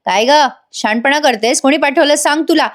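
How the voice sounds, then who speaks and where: A woman's voice: sits high, brisk, natural voice. A woman doing a rude scolding kidnapper woman. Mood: harsh scolding. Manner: scolding, taunting.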